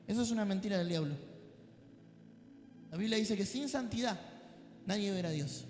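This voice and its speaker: A male pastor with a Rioplatense accent preaching a sermon, animated and dropping joking asides to the congregation. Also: sits high, moderate pace, slight background noise. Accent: Rioplatense Spanish. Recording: echoey church hall with faint music.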